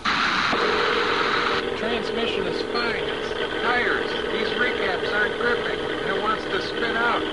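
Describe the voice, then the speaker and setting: An actor playing a harried, complaining race car driver, heard over a crackling radio. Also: male voice, high-pitched, fairly even intonation, slow pace. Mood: strained. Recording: noisy race radio and phone.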